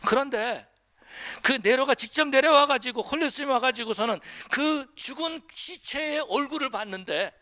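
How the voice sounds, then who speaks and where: Impassioned male preacher, high and bright, close and dry. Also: normal speed, no echo. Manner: impassioned preaching, acting out pleading prayers. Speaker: pastor. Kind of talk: sermon.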